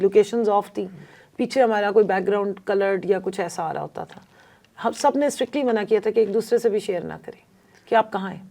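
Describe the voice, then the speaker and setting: A woman's voice: medium pitch, gravelly, warm tone. A woman from Pakistan, a politician guest on a podcast interview, telling her story in an emphatic, earnest way.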